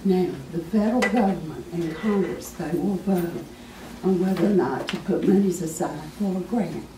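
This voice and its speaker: A woman presenting to an audience as a small business adviser, folksy and emphatic, her voice hoarse as she keeps clearing her throat. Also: lowish voice, moderate pace, noisy background. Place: meeting room with an audience. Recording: echoey room from far off.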